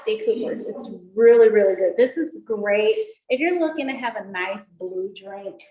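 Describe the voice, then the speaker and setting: A woman's voice: mid-range voice, normal speed, dark tone. A woman hosting a casual online cocktail class, chatty and upbeat, explaining each step as she mixes. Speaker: mixology instructor. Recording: echoey room with faint noise.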